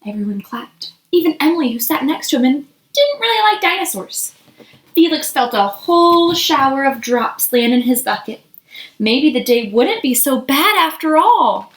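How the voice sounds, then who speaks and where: Reading a picture book to young children in an echoey room, a woman speaks at normal speed in a high voice with big pitch swings. She's expressive and puts questions to her listeners as she goes.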